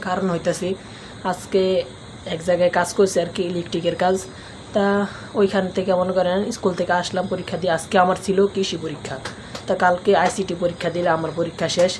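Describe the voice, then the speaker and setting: A man talks quietly to his phone camera in a cowshed at night, keeping his voice hushed for a casual vlog. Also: high voice. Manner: speaking softly and hushed. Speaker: village lifestyle vlogger. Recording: noisy background.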